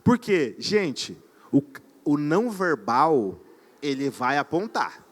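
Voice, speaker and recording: A man giving an energetic live seminar talk on stage, often quizzing his audience. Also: a little high, slow. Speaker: conference speaker. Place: event stage before an audience.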